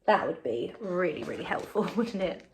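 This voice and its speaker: A primary teacher with a lowish voice reads a story at normal speed, with a little hiss or hum in the recording. Her reading is expressive and encouraging, and she adds chatty asides and questions for the children.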